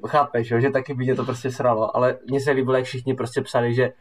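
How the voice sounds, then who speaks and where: Relaxed man talking casually, a bit off-mic. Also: mid-range voice, distant mic. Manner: relaxed, drawn-out storytelling with many fillers. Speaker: football podcast co-host. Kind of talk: casual chat.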